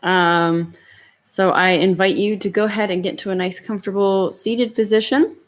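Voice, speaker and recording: A woman's voice: medium pitch, fairly even intonation, moderate pace. A woman yoga and meditation instructor chatting informally to her online class in a loose, conversational way. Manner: informal, conversational, hedging with "kind of". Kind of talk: casual chat to an online class.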